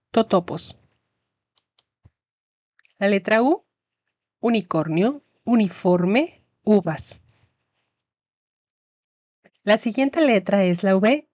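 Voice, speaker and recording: A woman's voice: medium pitch, a little mellow, no room sound. A woman teaching Spanish in a scripted lesson narration, carefully pronouncing each example word. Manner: slow, careful enunciation of example words.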